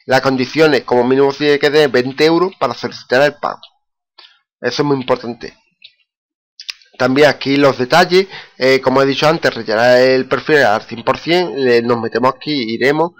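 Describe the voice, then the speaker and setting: A blogger with a mid-range voice guides viewers through a website in a screen-recorded tutorial on signing up for paid surveys. He repeats himself, uses lots of "eh" fillers, and emphasizes "muy importante".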